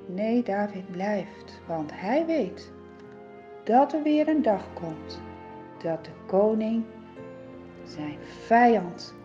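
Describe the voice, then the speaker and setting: A woman telling a children's Bible story in an expressive, suspenseful manner. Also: medium pitch, very slow, pauses often, over music. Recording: dull lo-fi recording.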